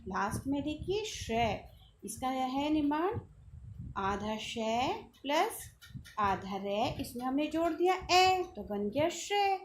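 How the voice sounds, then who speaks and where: Woman, teacher, high voice, unhurried, grammar lesson, patient, faint noise. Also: very animated. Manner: slow, patient explaining, asks questions and answers them. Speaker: school teacher.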